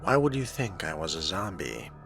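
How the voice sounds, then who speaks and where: With loud game music in the background, the man keeps up his in-character role-play commentary, wry, theatrical and formally phrased. His gravelly voice sits low and sounds very animated, moving at a moderate pace.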